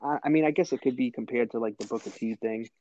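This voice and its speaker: A man's voice: medium pitch, quick pace, warm tone, muffled recording. A man chatting casually as a podcast co-host, hesitant and trailing off at times. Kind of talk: casual chat.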